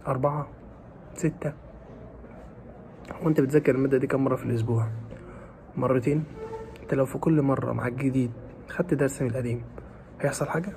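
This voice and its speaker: A man with an Egyptian Arabic accent giving students a fast, pleading and scolding pep talk, repeating his phrases. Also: mid-range voice, dark tone, slight background noise. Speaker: motivational talker for exam students.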